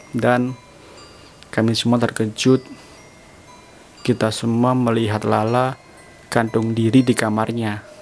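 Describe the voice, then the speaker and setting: A man's voice: lowish voice, a little mellow, a little hiss or hum. Man doing a solemn middle-aged landlady. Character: middle-aged woman boarding-house landlady, calm and solemn. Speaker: landlady telling a sad story.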